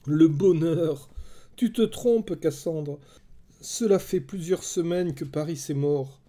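A bitter widowed queen , voiced by a man narrating a storybook, speaks with sorrow and a cutting edge. Her voice sits somewhat high and firm, weary with grief. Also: measured pace, warm tone, close to an everyday voice.

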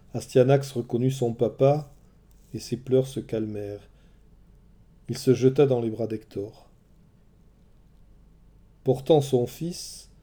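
A man narrating a storybook tale of an ancient myth in a measured, expressive way. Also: mid-range voice.

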